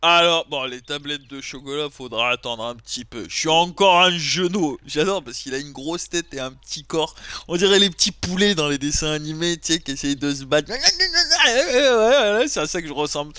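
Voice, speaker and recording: A man streaming a game, chatting casually with excitable, jokey outbursts. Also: on the high side, brisk, clear, resonant tone, no room sound. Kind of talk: casual gameplay commentary.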